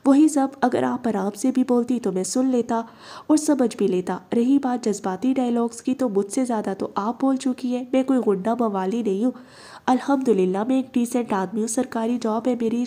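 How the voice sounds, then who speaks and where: A woman reading the part of a young police officer, speaking calmly, gently and earnestly. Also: a little high, normal speed, natural voice.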